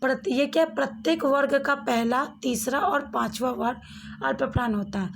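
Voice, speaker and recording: A woman teacher giving a classroom grammar lesson, slowly sounding out each letter and speaking directly to her students. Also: high voice, creaky, slight background noise. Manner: slow, demonstrates each sound aloud.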